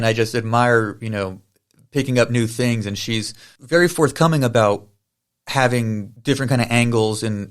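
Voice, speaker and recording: A man's voice: fairly low pitch, smooth. A man hosting a podcast, talking casually with many fillers and side tangents. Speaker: podcast host. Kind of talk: casual podcast intro and interview.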